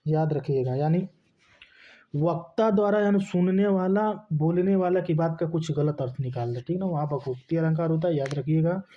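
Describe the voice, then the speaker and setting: A man teaching a grammar lesson, asking questions and answering them himself. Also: a little high. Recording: dull lo-fi recording.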